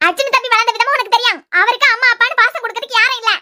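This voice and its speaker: A voice actor playing a scolding older mother in a cartoon serial, with a Kanyakumari Tamil accent, loud and stern. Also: very high-pitched, expressive, rapid-fire, heavily acted.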